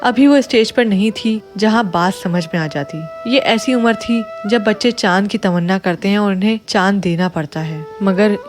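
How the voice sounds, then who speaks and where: A woman narrating an audio novel in a steady storytelling voice. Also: mid-range voice, moderate pace, hardly any pauses, music in the background. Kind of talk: scripted narration.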